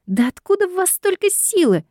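A woman voicing a feisty young female secretary who protests in shrill outbursts. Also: big pitch swings, moderate pace, a little mellow, no echo, clean studio sound. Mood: indignant.

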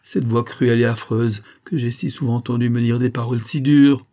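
A man's voice: fairly even intonation, fairly quick, warm tone, close to an everyday voice. A man voicing a delirious, grieving sick woman who cries out shrilly and repeats herself. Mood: anguished. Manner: shrill, repetitive, wailing.

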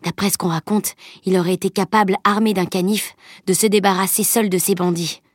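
A woman's voice: medium pitch, fairly even intonation, fairly quick, no room sound, clean studio sound, lightly acted. A woman reading a burly jovial knight. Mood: earnest telling. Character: huge jovial male knight, gruff and teasing.

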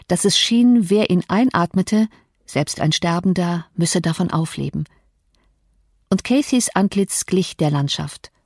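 A woman reading a classic novel aloud as an audiobook in measured, even storytelling. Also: lowish voice, no room sound, clean studio sound. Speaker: audiobook narrator. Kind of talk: scripted literary narration.

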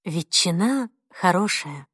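A woman reading an audiobook, voicing a mild, conciliatory mother who speaks softly and placatingly. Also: lowish voice, animated, slow, husky, dry recording, clean studio sound, full character voice. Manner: soft, placating, pleading.

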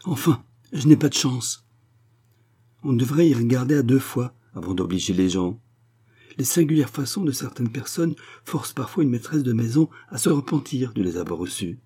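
A man's voice: mid-range voice, lively intonation, moderate pace, dark tone, breathy edge, pitched above the performer's own voice. A man voicing an irritated, haughty hostess who speaks tartly and peevishly, raising his voice for her. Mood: sour, offended. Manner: tart, peevish. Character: irritated haughty middle-aged hostess, sour and sharp.

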